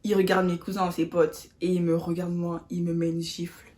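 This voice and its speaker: A young adult woman vlogger telling a storytime while eating. She talks in animated, slangy bursts, sometimes with her mouth full, and acts out the people she quotes, swinging from loud to soft. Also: on the low side, moderate pace. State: mouth full of food at times.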